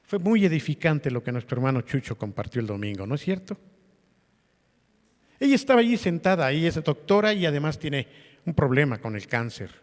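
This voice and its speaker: A male pastor gives a sermon, talking with his congregation and throwing questions at them. His voice sits a little high for a man. The sound carries a long church-hall reverb. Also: very animated, fairly quick. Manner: conversational preaching with rhetorical questions to the congregation.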